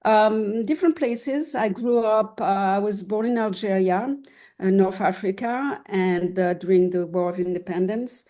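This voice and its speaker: Being interviewed as a guest, an older artist with roots in Switzerland and France gives casual, thoughtful answers. She pauses and hesitates as she hunts for the right words, her mellow voice sitting in the mid range.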